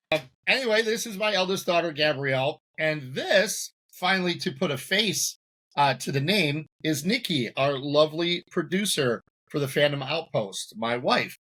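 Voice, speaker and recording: A man's voice: a little high, lively intonation, normal speed, sharp tone. A man hosting a podcast episode in casual chat, giggly and self-deprecating. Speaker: podcast host.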